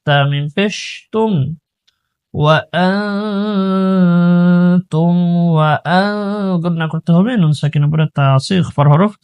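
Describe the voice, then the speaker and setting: A man with a Bangladeshi accent teaching Quran reading, chanting the verses slowly and spelling out letters and pronunciation rules. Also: fairly high pitch, clean tone, dry recording. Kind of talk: slow recitation lesson with spelling drills.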